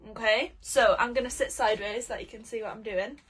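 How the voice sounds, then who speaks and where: A woman singing teacher giving spoken warm-up instructions, explaining simply and encouragingly, step by step, as if for children. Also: a little high, fairly even intonation, fast talker, husky.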